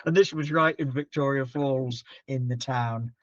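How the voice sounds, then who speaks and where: A man's voice: medium pitch, moderate pace, a bit bright, dry recording. Middle-aged man, storytelling, rambling anecdotes, dry close sound, dull lo-fi quality. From Zambia-born, raised in Scotland. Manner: rambling anecdotes with frequent laughs. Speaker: podcast guest. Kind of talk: relaxed storytelling interview.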